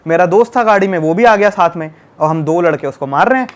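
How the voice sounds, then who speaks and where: A man from Delhi, a travel vlogger, telling a road-trip fight story in an animated, casual way. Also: high voice, fast talker. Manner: animated, acts out shouting in the retelling. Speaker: travel youtuber guest.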